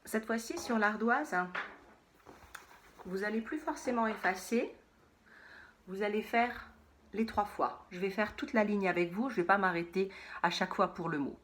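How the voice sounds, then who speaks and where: A woman teaching a phonics lesson to young children, saying words slowly and repeating them, sometimes in a whisper. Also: mid-range voice, fairly bright tone, a little hiss or hum.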